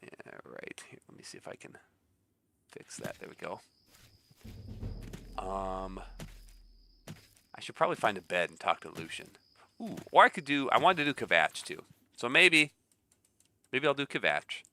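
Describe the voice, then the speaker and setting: A man's voice: fairly low pitch, sing-song, unhurried, pauses often, noisy background. A man streaming a video game in casual chat, nasal and a bit stuffy from a cold, joking and reacting aloud as he plays.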